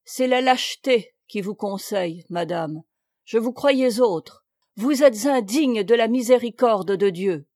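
A woman's voice: a little high, expressive, moderate pace, warm tone, no room sound, clean studio sound. A woman reading the part of a stern, furious male country priest, with a fierce, scolding, preachy delivery.

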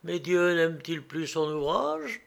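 Un homme qui lit une histoire et prête sa voix à un frère jardinier, un moine doux et docile. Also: male voice, on the high side, very animated, measured pace, gravelly, a bit bright, heavily acted. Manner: mild, docile. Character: gentle, calm male monk gardener.

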